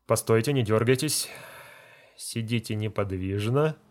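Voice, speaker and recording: A man's voice: lowish voice, unhurried, close to an everyday voice. A man playing a pompous, self-important village medical assistant who lectures and scolds. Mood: lecturing.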